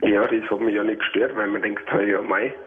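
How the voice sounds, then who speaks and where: A man's voice: on the low side, level tone, fairly quick. Austrian male caller, laid-back storyteller, phone line sound. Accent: Austrian German. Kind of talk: telling an anecdote on air.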